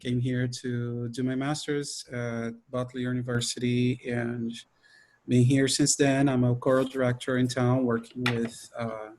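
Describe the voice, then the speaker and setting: A man's voice: mid-range voice, flat delivery, unhurried, a little mellow. A man from Brazil, a choral director, introducing himself steadily on a video call. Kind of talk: casual self-introduction.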